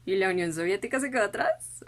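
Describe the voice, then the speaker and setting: A woman's voice: medium pitch, animated, quick pace, a bit bright. A woman reading skeptical, questioning lines in a scripted school debate.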